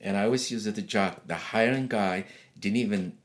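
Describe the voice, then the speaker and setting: An older man whose first language is not English, telling lively stories from his life in a casual interview and acting out the voices of people in them. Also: lowish voice, a little fast. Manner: animated, acts out voices in his stories, laughs often. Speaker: interview guest. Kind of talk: casual storytelling.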